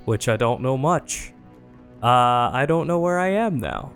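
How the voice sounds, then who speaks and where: A man's voice: on the high side, animated, a little slow, soft background music. A man voicing a huge, simple, friendly cat barbarian, speaking hesitantly in a tabletop game. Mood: friendly, puzzled. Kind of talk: in-character tabletop role-play.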